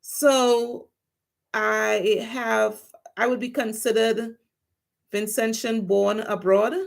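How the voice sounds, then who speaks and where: A woman from Trinidad and Tobago, a nail technician vlogger, chats casually with her livestream viewers while doing her nails. Her Trinidadian-accented voice sits on the high side, creaky and flat, and she speaks slowly.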